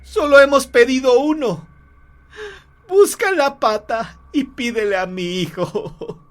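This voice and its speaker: A man voicing a desperate, grieving old mother who cries out in a shrill, pleading voice. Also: lively intonation, slow, heavily acted.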